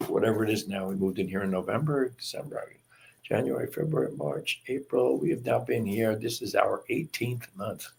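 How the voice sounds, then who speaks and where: A man hosting a spiritual talk show, speaking gently and earnestly with many fillers and restarts. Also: fairly low pitch, creaky. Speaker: host.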